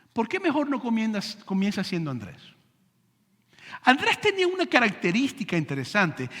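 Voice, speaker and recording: A man preaching a sermon as pastor, animated, asking rhetorical questions and acting out scenes. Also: very high voice. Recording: long church hall reverb.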